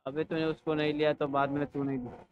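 A man's voice: a little high, flat delivery, fast talker, smooth. A young man teasing and boasting, calling out moves while playing an online shooter with friends. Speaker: gamer. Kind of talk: casual gaming chat. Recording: dull lo-fi voice chat with faint noise.

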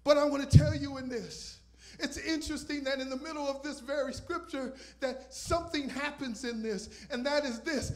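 A man with a strikingly high voice preaching a sermon from a church stage, holding a microphone in his hand. He swings from loud, shouted declarations down to hushed, almost whispered asides. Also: steady tone, moderate pace. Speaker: visiting pastor. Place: church stage with purple lights. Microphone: handheld microphone.

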